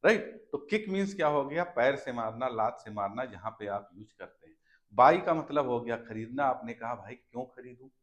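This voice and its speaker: A man teaches a basic English class, explaining word meanings and leading the students through rapid repetition drills. His pitch swings widely as he acts out questions and calls for answers, and his loudness rises and falls from line to line. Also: lo-fi sound. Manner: lively drill leader, repeats words many times. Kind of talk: classroom lesson explaining words in Hindi.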